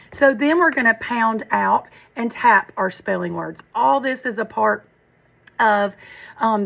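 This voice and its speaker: A woman who teaches first grade, explaining to parents how she teaches spelling, sounding words out slowly and methodically. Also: on the high side, creaky, a bit bright, low-quality recording. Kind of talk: explaining phonics lesson to parents.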